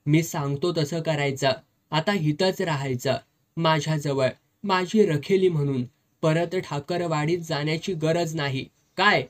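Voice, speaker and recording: A reader voicing a drunk, lecherous, domineering officer who slurs his words and shouts, in a storybook reading. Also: medium pitch, unhurried, natural voice. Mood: bellowing. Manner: slurring, bullying, shouts.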